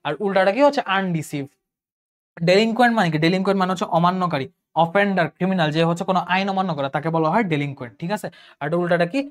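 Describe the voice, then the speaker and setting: A young man gives an online class lecture in a high, quick voice. He repeats each word and asks and answers his own questions as he goes. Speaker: teacher.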